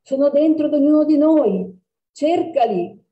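A woman's voice: mid-range voice, animated, unhurried, reverberant, dull audio, a little hiss or hum, natural voice. A woman doing a sly, secretive talking cat. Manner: teasing, hushed.

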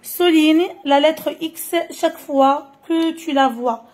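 A woman teacher with a Moroccan accent and Moroccan Arabic as her first language, slowly reading out French words for children, repeating each one carefully. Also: high voice, darkish tone. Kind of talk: French phonics lesson for children.

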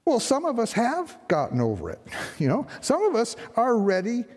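An older man, an interim pastor, preaching a sermon from a lectern with a conversational tone and rhetorical questions. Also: normal speed. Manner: conversational, rhetorical questions, lively pitch swings. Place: large church sanctuary, behind a lectern. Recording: long hall reverb in church.

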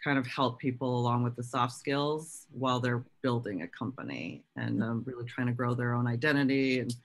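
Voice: medium pitch, moderate pace. A middle-aged panelist introducing themselves at an online roundtable in a chatty, friendly way. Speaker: communications head, panelist.

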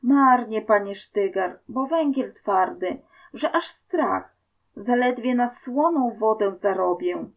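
A woman's voice: a little high, lively intonation, slow, gravelly, exaggerated voice. A woman voicing a bold, crafty male coal miner who speaks in a mocking, boisterous way. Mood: sly. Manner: mocking, boisterous dialect speech.

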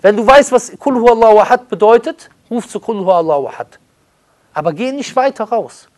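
A middle-aged man giving an informal religious lesson, emphatic, breaking into rapid Arabic recitation. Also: high voice, a little mellow. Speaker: religious teacher.

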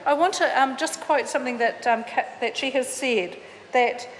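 A woman's voice: high voice, moderate pace, a little hiss or hum. A middle-aged woman, an opposition member of parliament giving an indignant debate speech full of fillers and restarts, at a desk mic in a large wood-panelled chamber. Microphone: desk microphone. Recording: reverberant chamber with faint ambience.

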